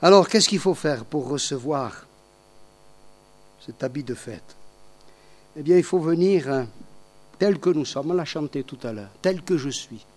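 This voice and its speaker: High-pitched male preacher, emphatic, soft asides and loud peaks. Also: expressive, unhurried, pauses often. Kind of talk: sermon.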